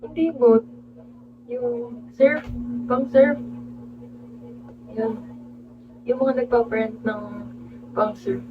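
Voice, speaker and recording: Woman streamer, chatty animated storyteller, phone-like sound with a steady hum. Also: on the high side, drawn-out words, pauses often. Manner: animated storytelling, greets viewers mid-story. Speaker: livestream host. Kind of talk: casual storytelling livestream. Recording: tinny phone-like audio with hum.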